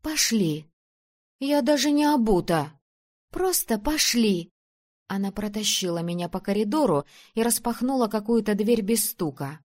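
A woman reading first-person fiction aloud as an audiobook narrator, calm and measured. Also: mid-range voice.

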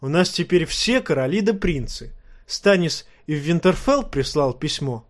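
A man's voice: fairly high pitch, normal speed, voice pushed up, lightly acted. A man doing a cheerful teenage lordling. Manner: lively, bright and friendly. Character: cheerful teenage boy, a young lord.

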